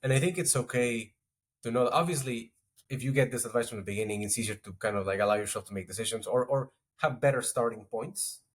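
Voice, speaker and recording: A strategy executive appears as a podcast guest in a relaxed interview, talking fast at a middle pitch with a breathy edge. He keeps circling back on his thoughts, with many restarts and filler words, like someone chatting into a podcast mic.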